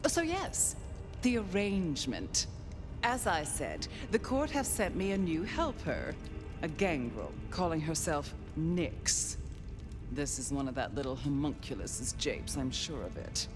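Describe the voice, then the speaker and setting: Imperious ancient female vampire, slow and languid, widely swooping pitch, condescending, dreamy, dramatic game acting. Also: sing-song, over music. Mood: imperious, disdainful. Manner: languid, condescending, drifting into trance-like reverie.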